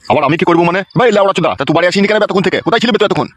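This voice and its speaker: A man's voice: high-pitched, very fast, fairly bright tone, no room sound. A man voicing an exasperated old cartoon father who rants and swears at his son-in-law. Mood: ranting. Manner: ranting, swearing.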